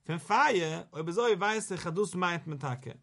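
A man with a fairly high voice teaches a page of Talmud. He drives his points home by repeating phrases and asking "yes or no" questions. English words slip into his explanations. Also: lively intonation, moderate pace, gravelly, fairly bright tone. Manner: repeats key phrases and poses rhetorical questions. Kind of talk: Talmud study lecture.

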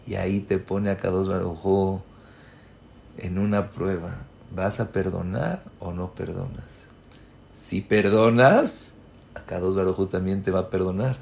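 A man giving a Torah lecture as a rabbi, building to loud emphatic peaks and acting out the people he quotes. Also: low voice, vocal fry.

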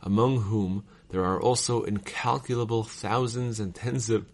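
A man with a somewhat low voice reads letters aloud. His delivery is measured and formal, with the steady cadence of devotional reading. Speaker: reader of devotional texts.

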